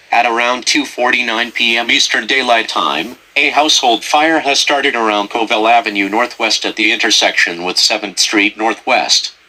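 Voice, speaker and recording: Piercingly bright, rough male alert announcer. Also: mid-range voice, poor audio. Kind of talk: scripted emergency broadcast announcement.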